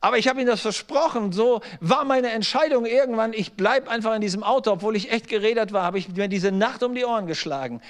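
A middle-aged male pastor with a fairly high voice delivers a lively, story-driven sermon. He slips into the voices of the people in his anecdotes, then turns and speaks straight to his listeners. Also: fast, few pauses. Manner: storytelling preacher, acts out quoted voices, direct address to listeners.

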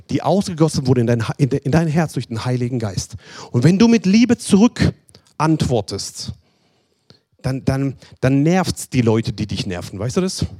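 A man preaching a sermon, pleading with listeners and acting out short dialogues. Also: mid-range voice. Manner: pleading, repetitive, addresses listeners directly; animated, acts out short dialogues in other voices.

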